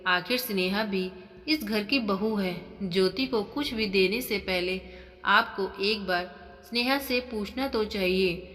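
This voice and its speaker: A woman's voice: medium pitch, slow pace, a bit bright, big-room sound. A woman voicing a young husband who argues in an irritated way, siding with his wife, in a storybook reading. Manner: irritated, arguing.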